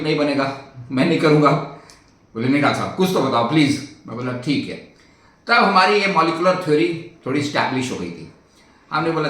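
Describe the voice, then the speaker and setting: A male doctor telling a story about a patient in a lively way, acting out both sides of the conversation. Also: fairly high pitch, heavy reverb, recorded from a distance. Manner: animated, acts out dialogue with a patient. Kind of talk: storytelling talk.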